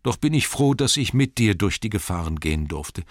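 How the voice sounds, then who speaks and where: A man's voice: very animated, a little fast, no echo, studio quality. A man voicing a small, weary male hobbit, nervous but plucky, in a shaky, raised voice. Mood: sad. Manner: shaky, higher put-on voice.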